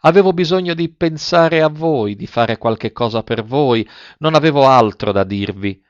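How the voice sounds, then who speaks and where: A pleading young lover, halting and a bit defensive, read by a man in his own voice. His pitch sits in the middle range for a man. The recording is a little muffled and very dry. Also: expressive, no echo, natural voice. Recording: slightly dull, dry close recording.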